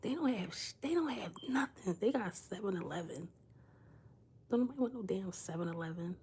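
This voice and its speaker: Streaming live from inside someone else's house, a young woman chats casually with viewers in a hushed, low voice that often falls to a whisper, with a breathy edge. She talks fairly quickly and tells stories animatedly, acting out the voices and dialogue.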